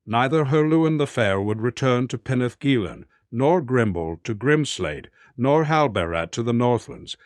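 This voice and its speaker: A man reads an audiobook at a middle pitch, steady and even in his storytelling. The recording is close and dry, with no sense of a room. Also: unhurried, hardly any pauses, no echo. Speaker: audiobook narrator. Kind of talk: scripted narration.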